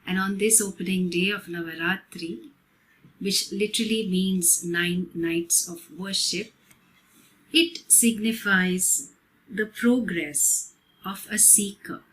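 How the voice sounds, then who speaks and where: Slow, measured woman giving a spiritual talk. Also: mid-range voice, steady tone, fairly bright tone, poor audio. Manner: measured, explanatory, unhurried. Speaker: spiritual teacher.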